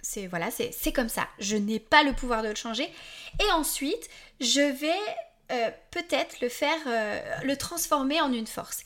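A woman's voice: high voice, lively intonation, unhurried, a bit bright. A woman in her forties hosting a podcast, talking candidly and casually to her listeners, with frequent asides and self-deprecating apologies. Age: 40s. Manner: chatty, candid, addresses listeners directly. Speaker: podcast host.

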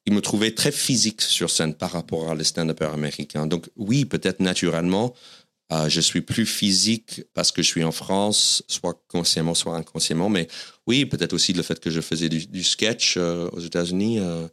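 A low-pitched man with a fairly bright tone speaks at normal speed. He's an American native English speaker appearing as a comedian guest on an interview podcast, speaking French and telling his stories with self-deprecating humor.

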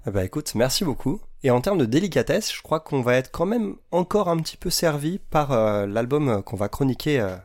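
A man co-hosting a music show gives his views slowly and carefully. He often pauses and fills gaps while he searches for the right word, and his voice sits at a middle pitch. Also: very animated, a little mellow. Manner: thoughtful, searching for words with many fillers. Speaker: co-host. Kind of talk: casual chat on a music show.

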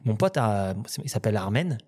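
A French man telling rambling, animated stories in casual conversation, with many restarts. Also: fairly low pitch, normal speed. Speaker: restaurant owner and guest. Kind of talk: casual storytelling chat.

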